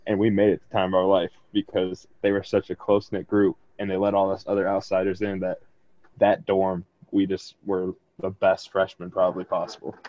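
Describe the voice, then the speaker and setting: A man's voice: deep voice, monotone, fairly quick, mellow, no room sound. A young man in his twenties, co-hosting a podcast, reminiscing in a laid-back way in casual chat, recorded with muffled sound. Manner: nostalgic, laid-back storytelling. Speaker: podcast co-host.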